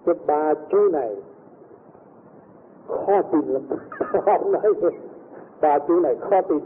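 A man's voice: a little high, measured pace. Man telling a story over a tinny line. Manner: rambling, acts out the voices of people in his story. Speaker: storyteller addressing a gathering. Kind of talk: spoken personal anecdote. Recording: tinny lo-fi recording with faint noise.

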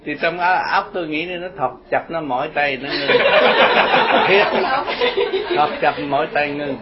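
A man's voice: on the high side, steady tone, normal speed, very noisy. Older man giving a rambling folksy dharma talk. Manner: rambling, folksy, chuckling storyteller. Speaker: Buddhist teacher. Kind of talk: informal dharma talk with followers. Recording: dull lo-fi recording with crowd behind. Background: group of listeners.

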